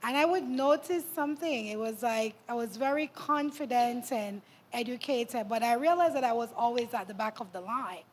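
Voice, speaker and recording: A woman's voice: fairly high pitch, normal speed, few pauses, a little hiss or hum. A woman from the Caribbean telling her immigration story as a panel guest, candid with self-deprecating asides. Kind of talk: personal storytelling in a panel talk.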